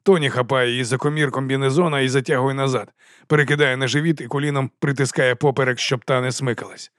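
A man narrating an audiobook in an even, measured way. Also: mid-range voice, no echo, studio quality.

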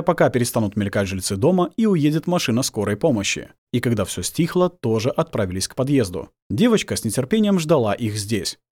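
A man narrating an audiobook in an expressive storytelling way. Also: medium pitch, no echo, studio quality.

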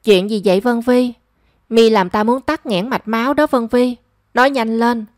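A woman's voice: fairly high pitch, fairly even intonation, moderate pace, no room sound, studio quality, natural voice. A woman doing a remorseful young daughter. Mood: anxious. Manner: pleading and emotional.

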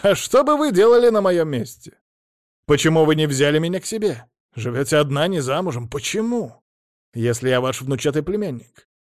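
Guy reading doing a mouthy young dude, high and pushy, dry audiobook sound. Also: lively intonation, brisk, dry recording, lightly acted. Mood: defiant. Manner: defiant, mocking, insistent. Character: brash cocky young man, a stripper.

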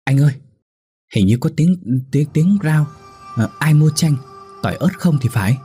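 A man's voice: on the low side, animated, moderate pace, darkish tone, faint music behind, natural voice. A man voicing a frightened middle-aged wife who talks anxiously and stammers.

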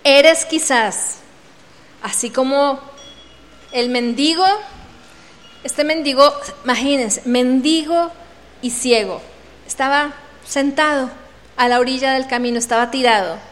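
Woman preaching slow at a women's retreat, high voice, acts out the bible story, big echoey hall. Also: a bit bright. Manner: dramatic read-aloud, acting out the voices in the story. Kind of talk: devotional talk reading scripture. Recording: reverberant hall.

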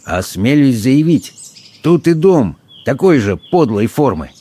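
A man voicing a jovial, blustering middle-aged gentleman in an audiobook, talking brashly. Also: mid-range voice, big pitch swings, unhurried, voice pushed up. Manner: brash, grumbling.

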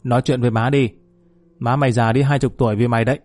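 A gruff, fatherly police colonel, as a man puts him on in a read-aloud story. He scolds briskly with a mellow, warm voice. The sound is dry and close. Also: medium pitch, fairly even intonation, no room sound, close to an everyday voice.

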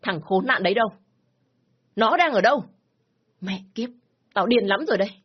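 A woman plays a domineering older father in a spoken story, shouting harsh rebukes. The voice pushes loud and climbs high. It sounds husky, on a dull, lo-fi recording. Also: lively intonation, moderate pace. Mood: furious shouting. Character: furious stern older village father, domineering.

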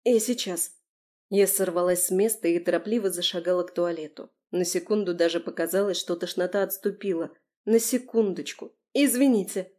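A woman narrating a first-person novel in an expressive, lively way. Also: on the low side, brisk. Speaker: audiobook narrator.

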